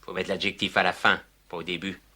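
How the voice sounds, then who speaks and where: An actor playing a grumpy, sarcastic, coarse-mouthed man with a husky voice in a French film comedy. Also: low voice, flat delivery, a little fast, bright, forceful tone, a little hiss or hum. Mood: testy, sarcastic.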